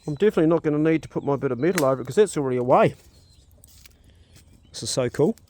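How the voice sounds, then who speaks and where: A man's voice: fairly high pitch, animated, racing, a little mellow, no echo. A laid-back man with a broad New Zealand accent, chatting casually in slangy speech while he does a task as an outdoor vlogger. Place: outdoors, rural. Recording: outdoors with clear background nature noise.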